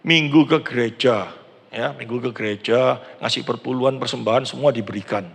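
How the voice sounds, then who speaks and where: A man's voice: medium pitch, fairly quick, creaky, a bit bright. A man in his sixties with an East Javanese accent, preaching a chatty sermon and asking the congregation questions. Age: 60s. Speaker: pastor. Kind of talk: conversational sermon. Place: large church hall. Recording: reverberant church hall.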